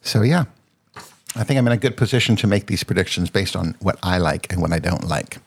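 A man's voice: deep voice, expressive, brisk, creaky, slightly rough. A man hosting a casual solo podcast, rambling and searching for words with lots of ums. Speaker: podcast host.

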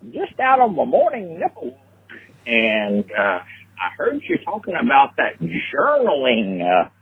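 A man leaving a rambling, halting voicemail, heard over a phone line. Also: fairly high pitch, wildly swooping pitch, gravelly, breathy edge. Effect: voicemail message played over a phone line. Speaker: caller. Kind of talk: casual voicemail.

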